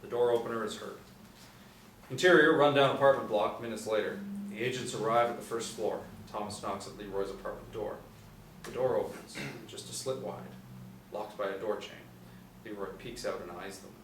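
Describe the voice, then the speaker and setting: At a table read in a small indoor room, a seated middle-aged man narrates scripted stage directions. His voice is lowish and a bit bright, with fairly even intonation and a moderate pace. The recording is echoey, with a distant mic and faint noise.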